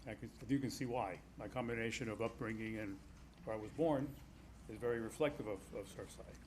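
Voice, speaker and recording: A man's voice: on the low side, brisk, darkish tone, slight background noise. A man from Cuba giving an assertive, critical public comment at a town meeting.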